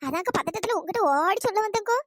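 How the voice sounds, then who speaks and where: A squeaky breathless cartoon gossip. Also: racing, heavy background noise. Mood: urgent. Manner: urgent, excited. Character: breathless young village woman bringing news. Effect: pitched-up cartoon voice.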